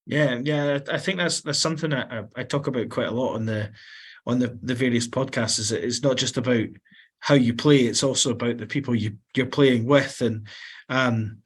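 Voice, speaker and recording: A man's voice: mid-range voice, steady tone, normal speed, husky. A man hosting a sports podcast, asking questions casually and often repeating words as he starts them. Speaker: podcast host. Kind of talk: casual interview.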